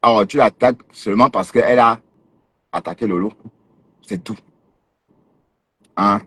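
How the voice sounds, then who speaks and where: A man talks straight at a rival on his livestream, teasing and challenging him. His voice sits a little low and comes out husky. He jeers and scolds in a casual, unscripted way. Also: a little slow, fairly bright tone, dry recording. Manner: mocking, confrontational, teasing laughs. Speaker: livestream host.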